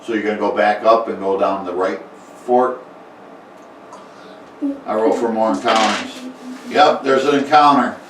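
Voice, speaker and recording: A man narrating as game master in a casual tabletop game, talking haltingly with many fillers and restarts. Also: lowish voice, fairly even intonation. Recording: echoey room, mic far off, faint noise.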